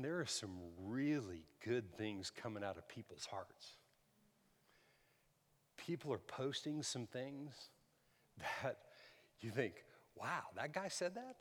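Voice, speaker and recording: A man in his sixties preaching a sermon, swinging from loud emphatic lines to soft near-whispers and asking for amens. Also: medium pitch, very animated, slow, pauses often. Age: 60s. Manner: repeats words and asks the crowd for amens. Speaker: pastor. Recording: long hall reverb.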